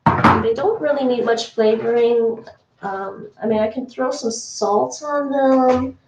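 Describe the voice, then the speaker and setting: This livestreamer, a woman from Toronto, Canada, talks easily with her chat as she cooks at home, with frequent laughter. Her fairly high, darkish voice moves at a measured pace. It's picked up far from the mic in an echoey room, with slight background noise.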